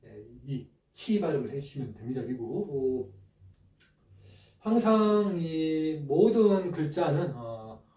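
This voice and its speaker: A man teaching a script lesson, explaining each stroke step by step in a halting way with many fillers. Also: a little high, big pitch swings, warm tone, lo-fi sound. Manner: halting, many fillers, pointing through steps. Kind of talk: spoken lecture explaining script on a board. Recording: distant mic, echoey room.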